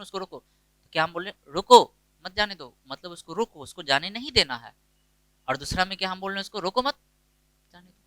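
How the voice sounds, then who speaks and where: A male teacher with an Indian English accent, working through a grammar lesson in Hindi and asking questions only to answer them himself. His voice is very bright and crisp and sits a little high. The sound is dry and close, with no room around it. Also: no room sound, poor audio. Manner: explains step by step, asks and answers his own questions. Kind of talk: online classroom lecture.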